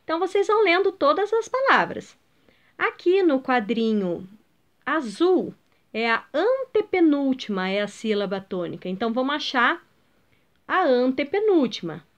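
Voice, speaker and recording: A Brazilian woman teacher talks schoolchildren through a lesson in a fairly high voice that swoops lively up and down. She is patient and explains step by step, drawing out each example word slowly and stopping often to ask whether everyone is following. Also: lo-fi sound. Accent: Brazilian Portuguese. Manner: patient, sounds out words slowly and emphatically; explains step by step, checks in with "ok?" and "entenderam?".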